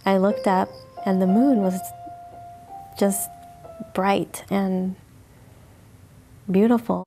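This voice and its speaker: Soft, gravelly-voiced woman recalling. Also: medium pitch, fairly even intonation, over music. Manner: soft, halting, reflective. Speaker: interviewee. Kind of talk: emotional interview recollection.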